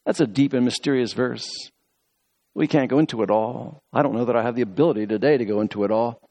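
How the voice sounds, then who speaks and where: Preacher telling stories from the pulpit. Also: male voice, medium pitch. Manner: storytelling, lively shifts between quick asides and slow emphatic phrases; reads scripture aloud within the talk. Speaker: pastor. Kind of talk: sermon.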